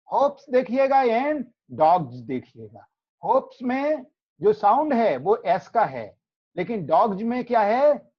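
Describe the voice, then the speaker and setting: A man with an Indian accent teaches an online class, explaining at a slow, unhurried pace. His pitch moves a lot as he asks questions and then answers them himself. The sound is a dull, lo-fi video call. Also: slightly rough. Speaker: English pronunciation teacher.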